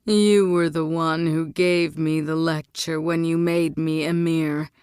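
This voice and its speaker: A blunt young prince who presses his case with urgent insistence, as a woman reader puts him on. He is voiced in a low register, and the sound is dry and close. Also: little pitch movement, takes it slowly, darkish tone, smooth, dry recording. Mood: pleading. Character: young adult prince, worried elder brother, blunt.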